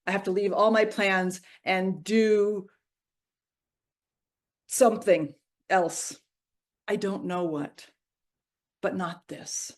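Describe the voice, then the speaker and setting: A middle-aged woman giving a personal storytelling reflection at a church service, moving from playful to hushed and grave. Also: medium pitch. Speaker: worship reflection speaker.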